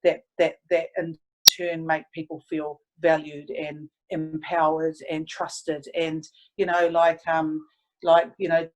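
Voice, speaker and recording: A woman's voice: low voice, level tone, slow, darkish tone, low-quality recording. A woman, reflecting earnestly and hesitantly as she tells stories in a casual interview. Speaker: interviewee, sports team staff member.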